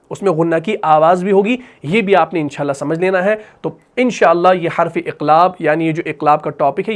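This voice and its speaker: A man with a fairly high voice teaching Quran recitation rules. He explains patiently, repeats each point, and checks with questions. His examples come in slow, drawn-out recitation. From Pakistan.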